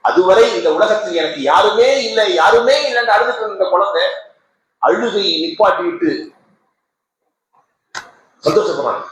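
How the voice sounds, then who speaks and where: A man giving a Friday sermon in a mosque, impassioned, dropping to soft low tones and rising to shouted peaks. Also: moderate pace, long pauses. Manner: acts out a crying child's words inside the story. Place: mosque prayer hall. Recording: very echoey mosque hall, faint noise.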